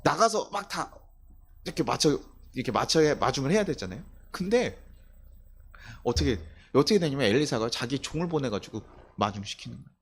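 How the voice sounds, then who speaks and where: A man's voice: mid-range voice, lively intonation, a little fast, slightly rough. A young male pastor preaching a Sunday sermon, telling stories, asking the congregation questions and acting out the voices he quotes.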